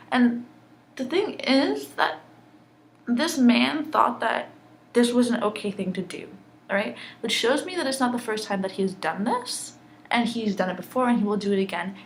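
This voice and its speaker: A woman's voice: on the high side, animated, normal speed, poor audio. A young woman, upset and angry, telling a personal story in a vlog and swearing heavily. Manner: angry, intense, heavy swearing. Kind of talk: emotional personal vlog rant.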